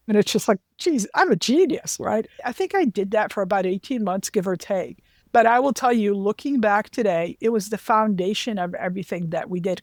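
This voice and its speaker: A woman in her sixties who grew up in Lebanon, now a finance executive, tells candid career stories as an interview guest, full of anecdotes, self-deprecating humor and frequent asides to the host. Her mid-range voice is captured in a dry, clean studio recording.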